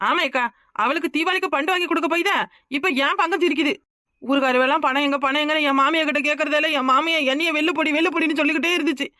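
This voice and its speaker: A quarrelsome young village wife in a cartoon, played by a woman, pouring out her grievances. She talks high and quick in a stream of complaint. The recording is close and dry. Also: steady tone, pushed and bright, dry recording. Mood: lamenting. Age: young adult. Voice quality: rapid, complaining talk. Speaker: cartoon character. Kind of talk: cartoon voice acting.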